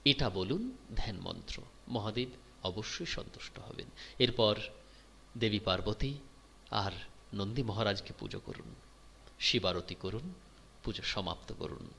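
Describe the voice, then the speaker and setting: A man giving devotional instruction, guiding listeners through worship and chanting mantras in slow, drawn-out tones. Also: lowish voice, lively intonation, vocal fry, sharp tone, a little hiss or hum. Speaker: religious teacher. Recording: long hall reverb.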